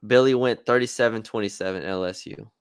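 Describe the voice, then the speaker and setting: A man's voice: on the low side, fairly quick, smooth, no echo, studio quality. A man co-hosting a sports podcast, chatting casually about football picks with fillers and restarts. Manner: conversational, hesitant with fillers and restarts.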